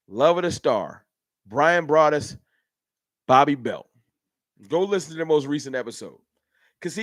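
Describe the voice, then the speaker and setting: On the high side, the man's voice comes through studio quality with no room sound. He's a Dallas, Texas sports fan livestream host locked in an animated, heated, argumentative rant with his chat.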